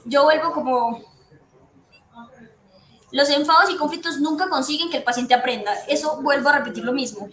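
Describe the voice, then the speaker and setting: Addressing patients' families, a Colombian psychiatrist explains earnestly and repeats her main points, speaking at normal speed with long pauses. She has a high, fairly bright voice, and the echoey recording carries faint background noise.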